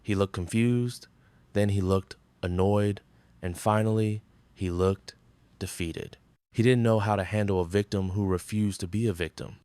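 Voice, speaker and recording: A man's voice: fairly low pitch, steady tone, normal speed, dark tone, clean tone, no echo. A man giving dramatic scripted narration in intense, punchy short phrases.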